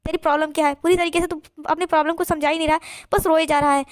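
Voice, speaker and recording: A young actor answers his friend calmly and with dry teasing, as a woman voices him. His voice sits high and moves quickly, recorded close and dry. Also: dry recording, close to an everyday voice. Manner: calm, teasing.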